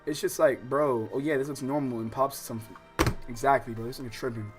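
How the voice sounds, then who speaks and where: Over music, a streamer with a mid-range voice plays through a visual novel at a brisk pace. He alternates narrating the on-screen text with slangy, excited exclamations, loud and animated throughout.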